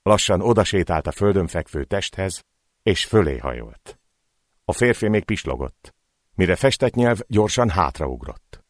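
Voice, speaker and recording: Brief: deep male audiobook reader, lively pitch swings, dry close sound. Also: no echo. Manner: dramatic, voicing cries in the scenes. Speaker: audiobook narrator. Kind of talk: scripted narration of a short story.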